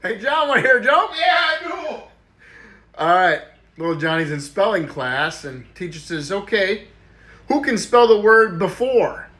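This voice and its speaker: Animated man telling jokes. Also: unhurried. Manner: animated, voices characters with jumps in pitch. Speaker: joke teller. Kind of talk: casual joke telling.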